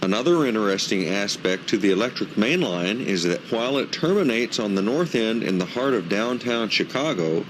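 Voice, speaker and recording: A man's voice: fairly low pitch, animated, moderate pace, hardly any pauses, background noise. A man delivering scripted narration as the narrator of a documentary. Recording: voice-over with loud music behind.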